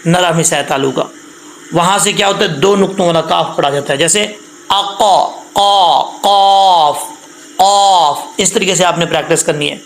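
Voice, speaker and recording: A man teaching Quran recitation step by step. He explains patiently, checks in often and stretches out the recited words slowly. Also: on the high side, gravelly, a bit bright, reverberant, a little hiss or hum, poor audio. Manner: drawn-out, slow chanted recitation of words.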